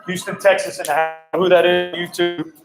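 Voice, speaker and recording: A man, a high school football coach, hosting a casual live-stream walkaround, upbeat and greeting viewers and passersby. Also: completely flat delivery, moderate pace, over music, low-quality recording. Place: hotel during a coaching clinic.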